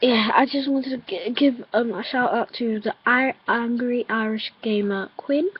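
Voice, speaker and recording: A woman vlogging casually with hiccups, halting and giggly, full of fillers. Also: on the high side, slightly rough, lo-fi sound. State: has hiccups. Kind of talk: casual vlog chat.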